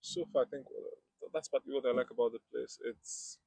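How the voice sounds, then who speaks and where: A man's voice: medium pitch, little pitch movement, a little fast, gravelly, dark tone, no room sound, rough recording. A man with a Nigerian accent, a master's student answering interview questions fluently.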